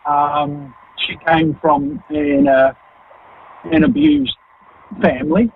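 A male caller with a New Zealand accent, phoning in from his car over a tinny line that keeps dropping out and breaking apart. His voice sits high and a little husky. He talks bluntly and plainly, with a lot of ums along the way. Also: sing-song, slow pace. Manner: blunt and colloquial, hesitant with many ums. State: driving while on the call. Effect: phone line breaking up and cutting out. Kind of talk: casual talkback call. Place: in a moving car. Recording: tinny phone line that drops out.

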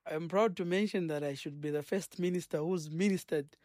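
A man with a Zambian accent, a gospel singer and minister, talking earnestly in a radio interview, preaching as he goes and filling pauses with "uh" and "um". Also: fairly high pitch, darkish tone, dry recording, clean studio sound. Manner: earnest, preachy, rambling with many fillers.

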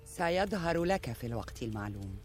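An actor playing a cryptic, formal court seer who is deferential yet defiant, in a historical drama. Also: male voice, mid-range voice, very animated, brisk, a little hiss or hum, natural voice. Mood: ominous, firm. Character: cryptic royal seer, calmly defiant before a king. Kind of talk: Arabic historical drama acting.

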